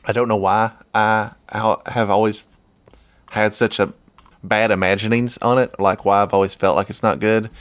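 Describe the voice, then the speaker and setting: Low-voiced man on a laid-back podcast. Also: normal speed, no room sound. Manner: relaxed, laughs often, acts out panel dialogue. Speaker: podcast co-host. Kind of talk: casual comic-book podcast chat with read-alouds.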